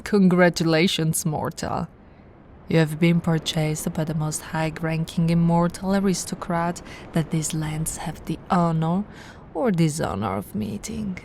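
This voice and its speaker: In this ASMR roleplay, a woman's deep, unhurried, somewhat mellow voice brings to life a proud, possessive immortal vampire aristocrat who talks down imperiously and theatrically, often in a breathy whisper. She comes across smug and possessive, and a faint hiss or hum sits in the recording.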